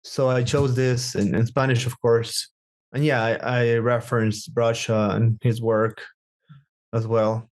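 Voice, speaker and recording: A young man from Guatemala speaks as a guest on a podcast in an everyday mid-range voice. He talks casually, pausing and restarting often as he hunts for the right words. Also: medium pitch, level tone, a little mellow. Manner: halting, searching for words with restarts. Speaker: guest psychotherapist.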